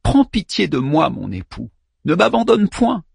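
A man voicing a desperate young princess who pleads with her warrior husband in a high, strained voice. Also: wildly swooping pitch, a little slow, vocal fry, breathy edge, no echo, studio quality, heavily acted. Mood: pleading. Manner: pleading then fierce and bitter.

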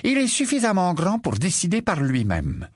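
A man doing a slow, gentle, measured mentor. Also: sits high, wildly swooping pitch, slightly rough, no room sound, studio quality, pitched above the performer's own voice, exaggerated voice. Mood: firm. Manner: slow and deliberate, slightly raised. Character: gentle, measured older friend and teacher.

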